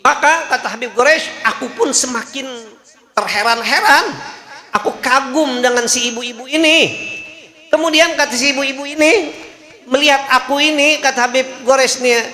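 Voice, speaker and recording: A man's voice: very high voice, moderate pace, sharp tone. A man preaching, telling a story in a sermon with a jovial manner, laughing often and checking in with the audience. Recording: echoey hall.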